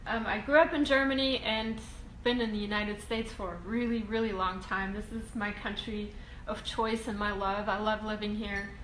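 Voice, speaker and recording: A woman from Russia, a real estate investing educator, answering viewer questions in a casual Q&A video, halting with frequent ums and restarts. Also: mid-range voice, fairly even intonation, fairly bright tone. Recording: echoey room, faint ambient hiss.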